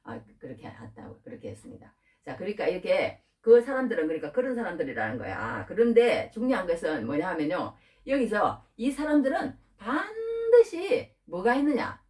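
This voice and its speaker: A middle-aged woman preaching a sermon, asking the listeners rhetorical questions in an informal, lively way. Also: on the low side, quick pace. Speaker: pastor. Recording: distant from the mic.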